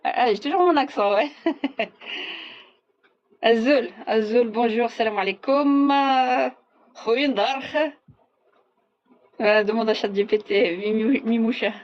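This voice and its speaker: A woman with a slightly high voice hosts a casual live chat, speaking slowly with frequent pauses over dull audio. She's blunt and sarcastic and drops Arabic phrases into her talk.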